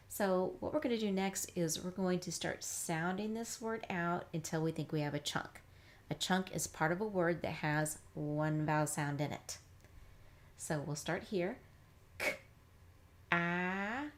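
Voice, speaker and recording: Upbeat woman teaching phonics. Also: lowish voice. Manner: sounds words out slowly, upbeat and chatty. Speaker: reading teacher, academy founder. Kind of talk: live phonics lesson.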